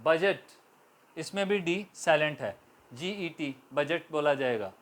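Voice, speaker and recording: A man's voice: fairly high pitch, animated, fairly bright tone. A man with a Pakistani accent, an Urdu speaker, giving an English lesson in a classroom-style lecture and spelling words out letter by letter. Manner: slow, deliberate, spells out letters one by one. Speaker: English teacher.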